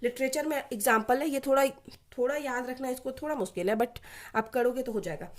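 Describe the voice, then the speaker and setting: Woman explaining exam notes, slightly high. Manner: explains slowly, repeating each point in simpler words; reads English definitions slowly, word by word. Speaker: literature tutor. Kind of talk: exam-prep lesson, mixing Hindi and English.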